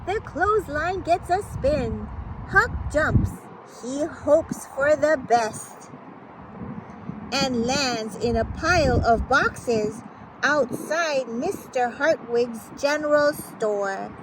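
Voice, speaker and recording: Reading a children's picture book aloud, a woman with a high, animated voice takes her time despite clearly noisy surroundings. The story comes out dramatic and playful, with exclamations and suspenseful pauses.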